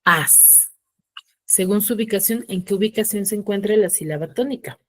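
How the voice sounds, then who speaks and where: A woman teacher giving an online class, asking patient questions and slowing down to spell out syllables. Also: medium pitch, no echo. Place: home room for an online class.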